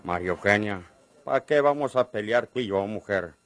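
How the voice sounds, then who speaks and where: In a Mexican radio drama, a male actor with a northern Mexican accent plays an insistent, wheedling rustic schemer with a folksy, coaxing manner. His natural, lowish voice has lively intonation at a moderate pace, with faint music behind.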